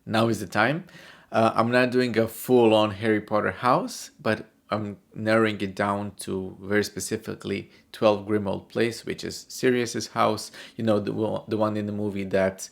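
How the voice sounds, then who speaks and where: Gravelly low-voiced man, candid vlog talk. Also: little pitch movement, normal speed. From Croatia. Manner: candid, self-reflective. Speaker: art vlogger. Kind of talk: casual vlog narration while drawing.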